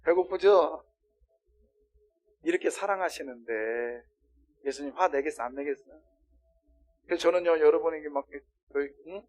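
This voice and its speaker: A male pastor preaching a sermon, swinging between loud exclamations and quiet asides while questioning the congregation. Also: on the high side, steady tone, moderate pace, long pauses, faint music behind.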